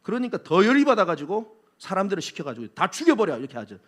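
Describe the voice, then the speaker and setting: A male pastor preaching a sermon in an animated way, joking with the congregation and acting out quotes. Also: sits high, fast talker. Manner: jokes with congregation.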